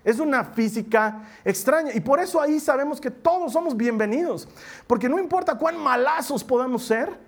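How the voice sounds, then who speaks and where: A man preaching a conversational sermon, telling humorous personal stories and slowing down to stress key points. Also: very high-pitched, animated. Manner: humorous, storytelling, slows for emphasis.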